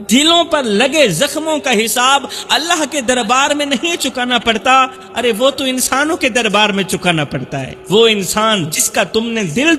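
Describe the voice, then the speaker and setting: High-voiced impassioned male preacher, reverberant hall. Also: bright, forceful tone. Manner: impassioned, repetitive, rising to cries. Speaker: Islamic preacher. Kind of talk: emotional sermon.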